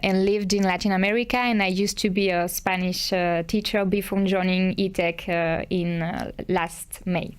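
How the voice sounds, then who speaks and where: A woman, head of international relations, explaining her school in a live online session with measured pauses. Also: fairly low pitch, steady tone, clean tone. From France.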